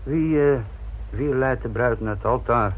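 On a muffled, phone-like old radio recording with a little hiss or hum, a man with a medium-pitched, slightly slow voice close to everyday speech plays a middle-aged police inspector in a Dutch radio play. He is wry and teasing, nonchalant and colloquial, probing as he talks.

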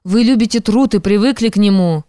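A woman's voice: mid-range voice, brisk, dark tone, no echo, studio quality, close to an everyday voice. A woman reading the part of an ardent young man who pleads heatedly and nearly breaks into tears. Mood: pleading. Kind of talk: audiobook reading.

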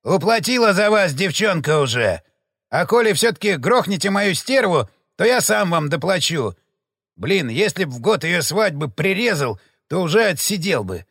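A surly bearded old innkeeper, as a male narrator puts him on, growling and cursing in loud, gruff bursts. The reading sounds dry and close. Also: high-pitched, very animated, normal speed, dry recording, heavily acted. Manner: gruff, snapping and swearing.

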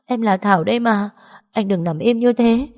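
A woman's voice: medium pitch, a little fast, pitched above the performer's own voice, natural voice. Narrator lady doing a young girlfriend's voice, pleading and teary, reverby audiobook. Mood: desperate. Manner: pleading, tearful. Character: young woman, distraught girlfriend. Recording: long reverb.

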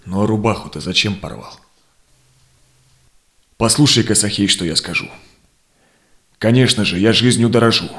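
In a verse audio drama, a male actor plays a steadfast, conciliatory Cossack envoy, using measured, persuasive declamation. His voice sits on the low side with a fairly bright tone, and the mood is calm and pleading.

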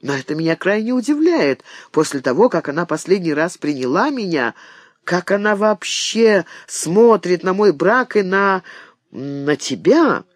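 A man voicing an anxious, eager young nobleman in love who talks in an excited, pleading way. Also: a little high, a little fast, hardly any pauses, no echo, clean studio sound.

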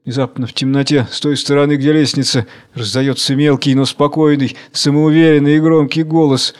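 A man giving a measured, solemn dramatic reading of a play's stage directions. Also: a little high, fairly even intonation, smooth. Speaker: reader.

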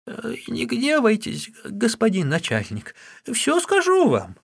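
Man voicing a shrill scheming old woman, audiobook, very high. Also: huge pitch swings, takes it slowly, gravelly, fairly bright tone, husky, no echo, studio quality, heavily acted. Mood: whining. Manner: shrill, whining, cracking falsetto.

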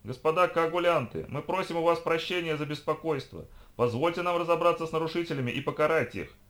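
A man reading an audiobook, voicing an army officer booming official orders through a loudspeaker. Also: fast talker, lightly acted. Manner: loud official commands.

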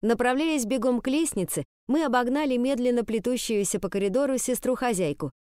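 A woman narrating a story in the first person with a lively storytelling manner. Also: a little high, fairly quick, clear, resonant tone, no echo, studio quality. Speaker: audiobook narrator. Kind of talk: audiobook reading.

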